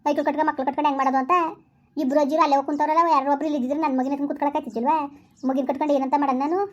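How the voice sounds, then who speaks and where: A woman's voice: high-pitched, little pitch movement, very fast, dull audio, lightly acted. A woman playing a harried young village housewife with a baby, who talks back defiantly and complains in a comedy skit. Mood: complaining.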